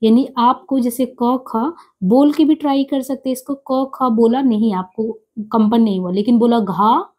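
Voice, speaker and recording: A woman teaching an exam-prep grammar lesson, explaining step by step and repeating each sound and letter slowly. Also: fairly high pitch, darkish tone.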